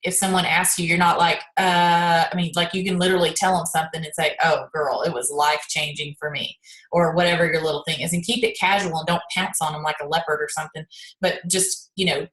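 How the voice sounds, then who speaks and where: A woman's voice: fairly low pitch, flat delivery, fast talker, a bit bright. Chatty woman coaching on an echoey call. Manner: chatty, acts out dialogue, many fillers. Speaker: team leader on a video call. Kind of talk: casual coaching talk. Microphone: video call.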